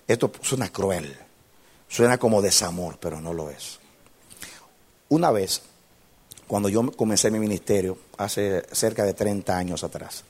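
A pastor in his fifties preaching an impassioned sermon that swings from loud shouting to quiet storytelling. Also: lowish voice, breathy edge.

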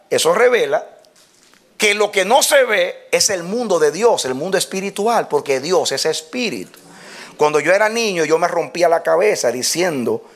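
A man preaching a sermon to a congregation, calling out to them and swinging between loud exclamations and low, quiet lines. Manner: calls out to the congregation.

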